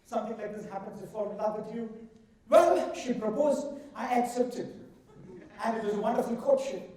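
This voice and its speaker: A man's voice: high-pitched, warm tone. Echoey Indian man giving a humorous speech. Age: middle-aged. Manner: theatrical, deliberate delivery with drawn-out emphasis. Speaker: contest speaker. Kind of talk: humorous rehearsed speech to an audience. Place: large indoor event hall. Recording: echoey hall, far from the mic.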